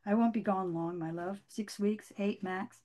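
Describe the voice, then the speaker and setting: A woman reading aloud, voicing a gentle mother who speaks softly and tenderly to her child. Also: mid-range voice, steady tone, measured pace, lightly acted. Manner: soft and tender.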